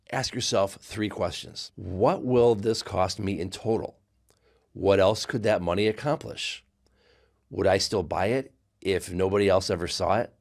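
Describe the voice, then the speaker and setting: Measured man explaining money. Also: fairly low pitch. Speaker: finance video host. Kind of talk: scripted explainer.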